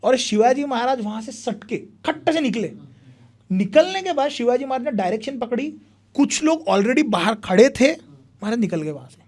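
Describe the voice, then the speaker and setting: A young man, a history speaker, telling a long story in animated conversation and acting out what people said. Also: very high-pitched, normal speed. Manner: animated retelling with repeated phrases, acts out quotes.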